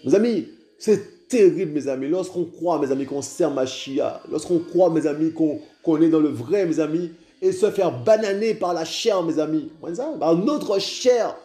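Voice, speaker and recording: Male preacher, fairly high voice, mellow and dark in tone, insistent and repetitive, recorded in an echoey room with faint music underneath. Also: moderate pace, few pauses. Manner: repeats "mes amis" and "hein" constantly, urgent exhortation. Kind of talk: informal sermon.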